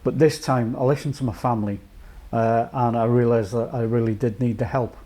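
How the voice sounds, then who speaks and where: Speaking to camera, this late-fifties North Walian man, who heads a charity, offers a thoughtful personal account delivered slowly with frequent pauses. The voice is mid-range, steady and mellow.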